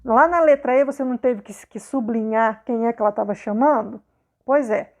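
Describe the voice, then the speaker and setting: In a video lesson, this Brazilian teacher takes her students through a worksheet, patient and repeating questions while frequently making sure they understand. Her non-southern Brazilian Portuguese accent comes through in a fairly high, darkish voice at a moderate pace, with the highs cut off.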